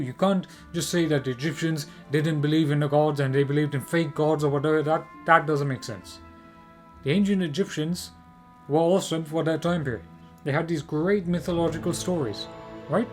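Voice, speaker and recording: A man giving opinionated video game commentary, emphatic and repetitive, often posing rhetorical questions. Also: on the high side. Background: music.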